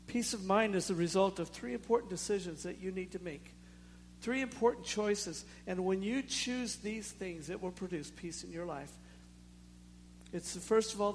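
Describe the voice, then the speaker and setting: High-voiced preacher in a reverberant hall. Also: male voice, slight background noise. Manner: emphatic preaching, slowing down to stress key phrases. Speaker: pastor. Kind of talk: sermon.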